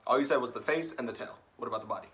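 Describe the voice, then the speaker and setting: A man's voice: medium pitch, rapid-fire, a bit bright. A young man co-hosting a casual chat, full of sarcastic jokes and banter. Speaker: podcast co-host. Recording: faint noise, faulty mic.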